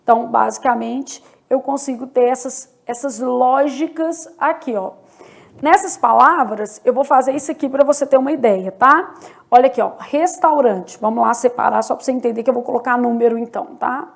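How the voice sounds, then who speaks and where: A woman's voice: high voice, normal speed, gravelly. A woman teaching Portuguese in an online lesson, explaining step by step and often checking in with the viewer. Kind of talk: online exam-prep lesson.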